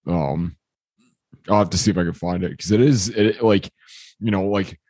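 A man's voice: low voice, moderate pace, a little mellow, no room sound. A young man chatting casually on a podcast, rambling with lots of fillers and restarts while he has the hiccups. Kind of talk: casual chat.

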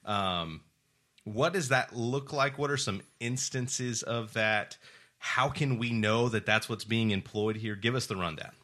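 Bright, low-voiced male interviewer. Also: measured pace. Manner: prompting, conversational. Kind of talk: interview questions.

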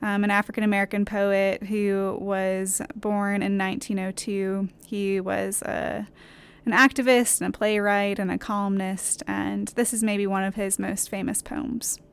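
Female podcast co-host. Slow, reflective, clean resonant tone over soft music. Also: medium pitch, flat delivery, gravelly, clean tone. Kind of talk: reflective podcast talk and poem reading.

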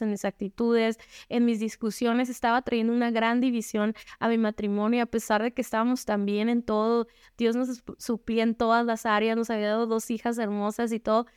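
A woman speaks to other women about her faith in a candid, conversational testimony, often using a rhetorical "¿no?". Her voice is fairly high yet darkish and clean. The recording is dry and of studio quality.

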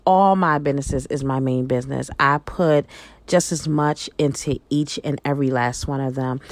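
Low-voiced upbeat woman from Baltimore. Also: no echo. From Baltimore, Maryland, USA. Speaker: guest, shoe stylist and business founder. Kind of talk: podcast interview.

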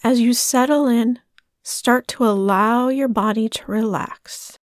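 Woman, meditation guide, slow soft soothing delivery, fairly high voice, dry close sound. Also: no echo.

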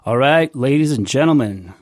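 A man hosting a casual podcast, talking in a relaxed, enthusiastic way. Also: mid-range voice, normal speed, dry recording, clean studio sound. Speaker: podcast host.

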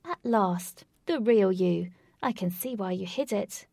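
A woman's voice: medium pitch, a little slow, creaky, mellow, no echo, studio quality. A woman voicing a defiant, brave young girl heroine in a storybook reading. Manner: defiant, spirited, raised voice.

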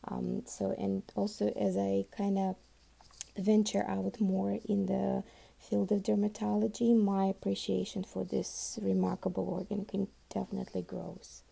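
This unscripted self-introduction comes from a nurse addressing classmates, a Russian-speaking woman from Uzbekistan. Her very gravelly, dark voice sits at medium pitch with a completely flat delivery and a measured pace. She stays soft and half-whispered, full of ums and restarts.

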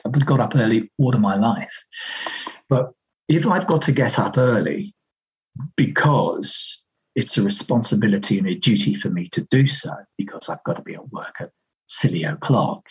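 Man, very raspy, slightly low pitch, conversational anecdotes, interview reminiscing. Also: dull audio. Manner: conversational anecdotes, quoting others' remarks. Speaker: radio presenter being interviewed.

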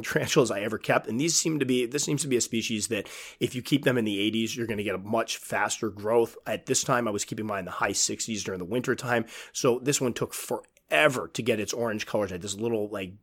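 A man with whistling, sibilant S sounds, hosting a casual enthusiast countdown and telling stories in an animated way, acting out quoted reactions. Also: mid-range voice. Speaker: host, tarantula keeper.

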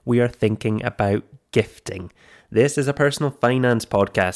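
A man with a croaky, froggy voice, hoarse from flu, presenting a podcast in a semi-scripted, explanatory way. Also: medium pitch. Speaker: podcast host. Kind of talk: scripted personal finance podcast narration.

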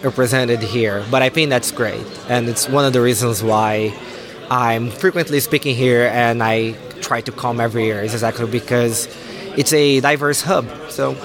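A man's voice: mid-range voice, normal speed, crowd noise. A man answering interview questions hesitantly with many fillers, a regular speaker at the conference.

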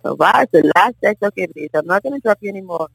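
A middle-aged Bahamian woman chatting as a guest at a table, full of animated stories and tag questions. Her voice sits at a middle pitch, and the sound is dry and close with faint music behind. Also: fast talker, creaky, slightly rough, no room sound, rough recording. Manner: animated storyteller, often asks "you understand?". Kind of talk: casual table conversation.

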